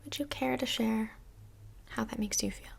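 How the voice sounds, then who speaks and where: Playing a courteous, busy fill-in couples counselor in Hell, a woman whispers breathily through a gentle ASMR roleplay. Her fairly high voice stays calm, tactful, and professionally measured. A little hiss or hum sits in the background.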